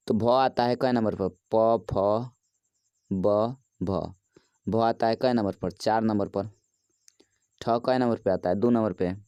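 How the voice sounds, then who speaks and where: A man's voice: medium pitch, mellow, smooth, no echo, highs cut off. A man, a teacher talking through a quiz lesson in a casual, chatty way and asking viewers for likes.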